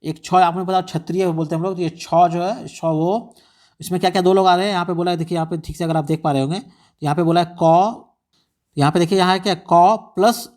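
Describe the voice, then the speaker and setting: A man's voice: fairly high pitch, darkish tone. A man tutoring for an exam, explaining study material with repeated rhetorical questions and English words mixed in.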